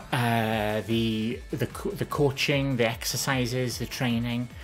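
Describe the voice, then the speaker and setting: A woman from the Valleys in Wales chats casually on a live stream, answering viewer questions in a soft, gentle voice that sits low and sounds less feminine. She rambles, with lots of ums and self-corrections, keeping a steady tone at a slow pace. Soft music plays behind her, and the audio quality is poor.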